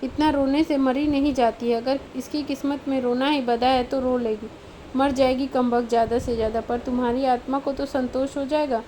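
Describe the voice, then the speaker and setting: Audiobook: woman voicing a resentful sister-in-law, high sarcastic tone. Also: steady tone, normal speed, warm tone, a little hiss or hum, natural voice, poor audio. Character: resentful elder sister-in-law, sharp-tongued.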